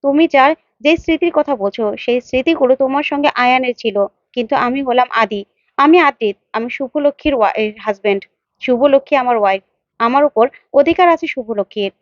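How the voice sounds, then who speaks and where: A woman's voice: sits high, fairly quick, dry recording, dull audio, close to an everyday voice. A woman voicing a young married man who answers firmly and defensively. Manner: firm, defensive.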